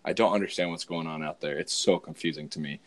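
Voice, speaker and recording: A man's voice: low-pitched, fast talker. An American man from the West Coast hosting a podcast in a casual, joking, conversational style. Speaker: podcast host. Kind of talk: casual joking interview chat.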